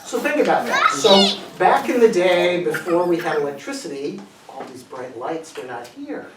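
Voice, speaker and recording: A man playing a pompous male professor who explains bogus word origins in a deadpan, confidently matter-of-fact way, in a comedy sketch. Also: a little high, moderate pace, crowd noise. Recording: echoey room, mic at a distance.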